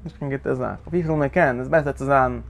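Gravelly-voiced man teaching Torah. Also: mid-range voice, quick pace. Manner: animated lecturing with frequent questions to listeners. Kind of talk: Zohar lesson.

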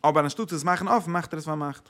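A man teaching a religious text lesson. He asks himself questions, answers them, and hits sudden loud stresses. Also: on the high side, very fast. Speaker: Torah teacher.

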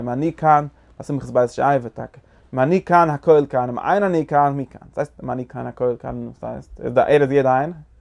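Gravelly-voiced man giving a Torah lecture. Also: mid-range voice, a little mellow. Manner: rhetorical questions, repetitive restarts. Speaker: Torah teacher.

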